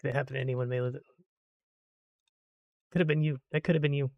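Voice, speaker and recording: A man's voice: medium pitch, flat delivery, a little fast, no echo, highs cut off. Playful streamer man, dry close mic. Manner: playful, rambling, teasing. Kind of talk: casual chat while gaming.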